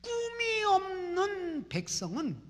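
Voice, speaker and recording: With a very high voice that swoops wildly in pitch, a woman pastor from Seoul, South Korea, preaches slowly and passionately, her repeated phrases rising into prayer chants. The recording carries the reverberation of a church hall in the sanctuary.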